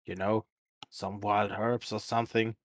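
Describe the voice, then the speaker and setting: A player in a tabletop role-playing game, chatting in a lively way about what the party needs. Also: mid-range voice, measured pace. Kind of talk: casual tabletop role-play.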